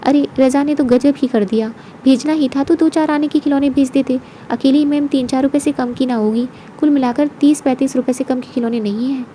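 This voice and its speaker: A woman voicing a proud housewife, kind but quick to take offence. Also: high-pitched, steady tone, a little hiss or hum, lightly acted. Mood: kindly. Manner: firm, sharp when insulted.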